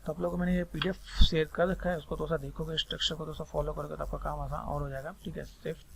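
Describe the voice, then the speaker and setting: A man with a Hindi accent giving a rambling, repetitive screen-recorded software tutorial on 3D sculpting. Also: a little high, flat delivery, rapid-fire, gravelly, background noise. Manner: rambling, repeats filler phrases constantly.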